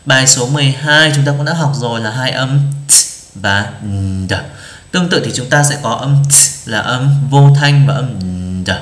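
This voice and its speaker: A man teaching English pronunciation, reading drill words slowly and deliberately and explaining each sound. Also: medium pitch, fairly bright tone, echoey room. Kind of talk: pronunciation lesson, slow model reading.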